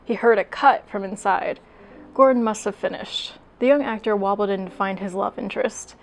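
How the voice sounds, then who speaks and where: A young woman reads fanfiction aloud for laughs, stopping to swear and mock herself. Her voice has a creaky, gravelly texture. A faint hiss sits behind her. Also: mid-range voice, fairly even intonation, moderate pace, rough recording. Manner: self-deprecating, sweary, exasperated. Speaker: YouTuber. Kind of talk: comedic fanfiction reading.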